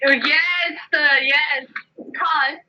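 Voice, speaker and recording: A woman's voice: high-pitched, normal speed, a little hiss or hum. A woman, an English teacher, chatting in an interview, bubbly and laughing often. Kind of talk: casual interview chat. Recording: dull lo-fi sound.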